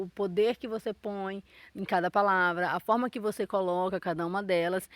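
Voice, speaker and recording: A woman's voice: medium pitch, no room sound. A woman teaching a school grammar lesson in a Brazilian accent, explaining patiently and checking in with the pupils often. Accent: Brazilian Portuguese. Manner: explanatory, frequent "tá?" check-ins.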